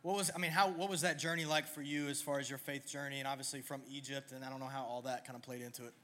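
A man's voice: mid-range voice, steady tone, quick pace, fairly bright tone. Upbeat man hosting a church interview. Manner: upbeat, joking, casual. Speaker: church youth service host. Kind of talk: on-stage interview. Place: church service stage.

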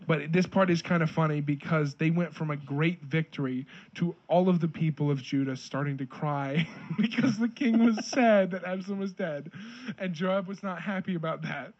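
Husky man reading scripture on a podcast. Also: on the high side, moderate pace, darkish tone, highs cut off. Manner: reads King James verses aloud, then paraphrases them jokingly. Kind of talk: casual Bible reading and discussion.

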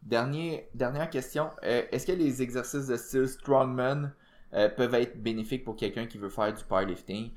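A man's voice: medium pitch, moderate pace, darkish tone. A man with a Québécois accent co-hosting a fitness podcast, explaining training casually with many fillers and English gym terms. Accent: Québécois French. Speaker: podcast co-host, powerlifting coach.

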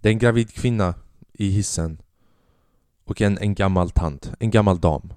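A man's voice: on the low side, clear, resonant tone, dry recording. Man in his twenties riffing profanely. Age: 20s. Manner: profane, rambling, animated storytelling. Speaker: podcast host and stand-up comedian. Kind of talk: casual comedic monologue.

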